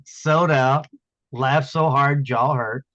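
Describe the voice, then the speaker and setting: A man, an actor and stand-up comedian, telling stories in a casual interview with an animated, rambling manner. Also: mid-range voice, takes it slowly, dry recording, lo-fi sound.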